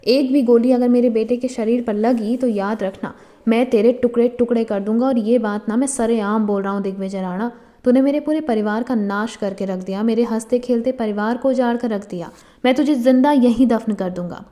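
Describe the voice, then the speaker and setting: A woman voicing a grieving, vengeful father who speaks low and threatening, read in a storybook. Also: moderate pace, mellow, close to an everyday voice.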